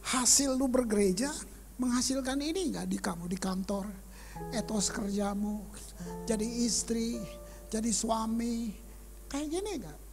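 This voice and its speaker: Man, pastor, lively sermon, high voice, loud bursts and whispers, echoing church hall, faint music behind. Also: measured pace, pauses often. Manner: animated preaching that swings from shouting to whispering; mixes in English words. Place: church auditorium.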